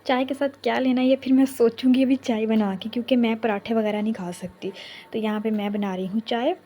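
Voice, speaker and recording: Young woman, casual vlog narration, chatty, fairly high voice, addresses viewers directly. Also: steady tone, fairly quick, dark tone. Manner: chatty, talks straight to viewers. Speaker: vlogger mother.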